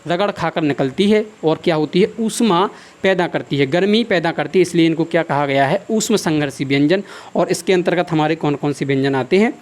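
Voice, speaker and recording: A man with a high voice teaches a class in a lecture style. He keeps asking questions and answering them himself. He repeats key terms and dictates notes at a slow, even pace.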